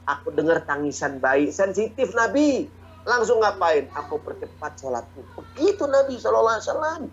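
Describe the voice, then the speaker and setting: A man's voice: high-pitched, very animated, fairly quick, muffled recording. A man giving a casual online religious talk, joking and often asking his listeners "ya nggak?". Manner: jokey, chatty, often asks "ya nggak?"; acts out quoted dialogue. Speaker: Islamic preacher.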